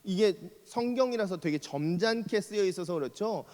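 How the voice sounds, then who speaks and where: High-voiced pastor preaching in a reverberant hall. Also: male voice, normal speed. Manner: lively storytelling, acts out quoted lines. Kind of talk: conversational sermon. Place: church sanctuary.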